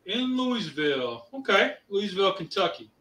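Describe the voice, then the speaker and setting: A man's voice: sits high, big pitch swings, normal speed, bright, forceful tone. A man from Ohio co-hosting a casual livestream, chatting and reading out viewer comments with lots of fillers. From Ohio, USA. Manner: chatty, hesitant, many fillers. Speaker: co-host reading viewer chat. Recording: roomy, mic at a distance.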